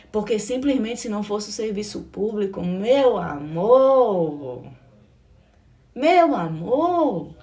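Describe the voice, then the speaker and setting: A woman's voice: medium pitch, a little mellow. A middle-aged Brazilian woman teaching exam prep in a passionate, blunt pep talk, repeating herself and swearing now and then. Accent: Brazilian Portuguese. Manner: emphatic and blunt, repeats phrases, calls listeners "meu amor", swears.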